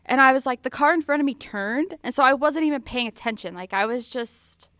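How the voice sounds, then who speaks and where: An American woman co-hosting a podcast, excitable and quick to laugh, swearing freely in casual chat. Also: high voice, no room sound. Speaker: podcast co-host.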